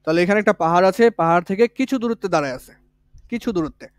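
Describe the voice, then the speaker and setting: A man teaches a physics lesson for exam prep. His voice sits high, and it is recorded dry and close. He speaks casually and repeats each key point. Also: expressive, racing, no room sound. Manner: colloquial, with village words.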